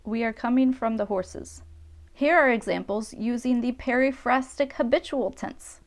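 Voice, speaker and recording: A woman presenting a scripted grammar lesson, reading example sentences slowly and carefully and translating each one. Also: fairly high pitch. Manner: careful, slowed pronunciation of example phrases. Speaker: language teacher.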